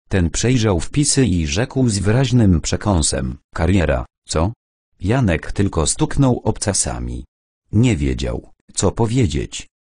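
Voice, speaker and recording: A man narrating an audiobook in a measured, expressive storytelling manner. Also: low-pitched, breathy edge, dry recording, clean studio sound.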